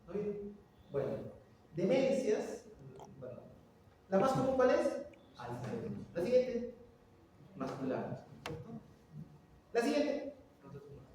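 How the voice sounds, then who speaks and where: A middle-aged man teaches in a large, echoey room, heard from some distance away from the mic. His voice sits a little high for a man, and he keeps quizzing his listeners with quick questions. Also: slight background noise. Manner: animated, quizzing students with rhetorical questions. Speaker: lecturer. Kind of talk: classroom lecture. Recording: echoey hall, voice from far off.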